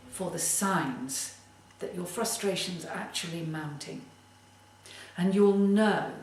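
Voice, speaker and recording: A woman giving a motivational tip as a creativity coach, speaking in a deliberate, emphatic way. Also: on the low side. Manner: slow, deliberate, emphatic delivery. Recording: very echoey room, distant mic.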